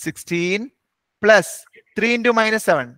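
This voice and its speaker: A man teaching a live online maths class, briskly quizzing and coaxing students by name. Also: high-pitched, bright, forceful tone, no echo.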